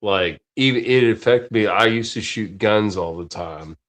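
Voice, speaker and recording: A man's voice: fairly low pitch, measured pace, a bit bright. A man in his late forties chatting casually on a podcast, rambling, swearing often and restarting his sentences. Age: 40s. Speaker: podcast host. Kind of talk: casual chat.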